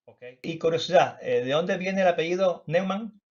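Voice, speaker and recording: A man's voice: high voice, normal speed. A Venezuelan man speaking in a courteous, formal way as an interview host. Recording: dull, band-limited audio.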